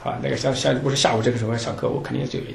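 Brief: fast, jokey Bible class leader, lively delivery, echoey room. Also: mid-range voice, vocal fry, a little hiss or hum. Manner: chatty, joking, laughs often, many restarts. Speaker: Bible study teacher. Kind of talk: informal Bible class talk. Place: church meeting room with a group. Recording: roomy room echo.

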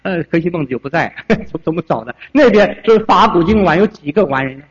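Older male pastor, fairly high voice, lively storytelling sermon, muffled hall recording. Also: fast. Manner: lively, repeats phrases, chuckles often. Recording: dull recording with long hall reverb.

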